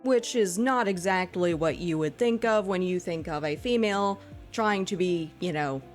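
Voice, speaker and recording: Soft music plays behind this twenties-aged woman as she chats at a moderate pace on her VTuber stream. She raises her low natural voice into a lighter, feminized one, rambling with fillers and giggling to viewers.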